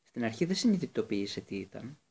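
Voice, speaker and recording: A man narrating an audiobook in a steady reading voice, with occasional slips and restarts. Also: lowish voice, creaky, slightly rough.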